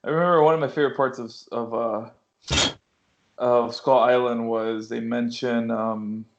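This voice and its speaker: A man co-hosting a casual podcast, quick and joking, often jumping in with questions. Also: mid-range voice, fairly even intonation, dull audio, slight background noise. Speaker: podcast co-host. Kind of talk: casual chat.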